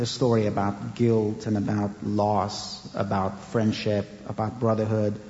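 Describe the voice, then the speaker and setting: A man's voice: on the low side, dark tone. A man who grew up in Afghanistan, speaking as an author being interviewed, thoughtful and hesitant with many fillers and restarts. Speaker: author, guest. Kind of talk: interview conversation. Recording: roomy, dull with long reverb.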